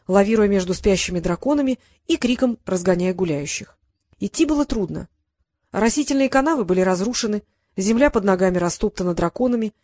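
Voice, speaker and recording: Woman audiobook narrator, steady and even, dry close mic. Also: mid-range voice, no room sound. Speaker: audiobook reader.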